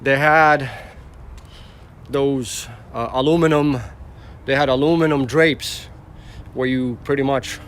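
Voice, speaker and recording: Slow and steady, with long pauses, this man's medium-pitched voice has a fairly bright tone and a little hiss or hum. He's a rideshare driver from the former Yugoslavia livestreaming from his car on city streets, casually rambling, repeating himself, and responding to the chat.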